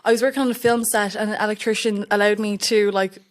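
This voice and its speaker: A woman's voice: medium pitch, steady tone, fast talker. A young woman from Estonia, an electrical apprentice, chatting as a guest in an interview and acting out quoted remarks as she tells a story. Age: young adult. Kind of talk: casual interview chat.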